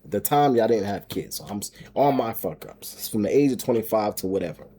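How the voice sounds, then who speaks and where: A middle-aged man vents to the camera in a long, rambling monologue, cursing freely and stumbling over repeated words. His voice sits low with a dark, mellow tone. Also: expressive, brisk, slight background noise. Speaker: homestead vlogger and single dad. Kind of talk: emotional venting monologue.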